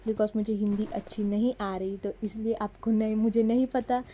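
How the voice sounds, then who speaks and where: Her voice is medium-pitched and dark-toned, fairly even in intonation at normal speed, with a little hiss or hum from the phone mic. She's a mobile gaming YouTuber, a Marathi speaker from Maharashtra, India, with a Mumbai Hindi accent, giving a self-deprecating, chatty voice-over of her gameplay in both Hindi and English.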